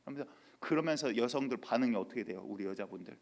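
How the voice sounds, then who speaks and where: A male pastor delivering a sermon in church, telling lively stories and acting out quotes. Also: mid-range voice, fast. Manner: lively storytelling with acted-out quotes.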